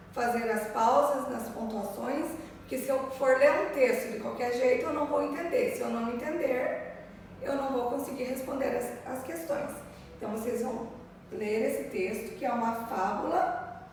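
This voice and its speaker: A high-voiced woman teaching a recorded lesson at an unhurried pace, patiently repeating words and checking that her pupils follow. She stands away from the microphone in a very echoey room with a long, ringing reverb. A faint noise hums underneath. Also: distant mic. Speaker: primary school teacher. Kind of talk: recorded remote grammar lesson.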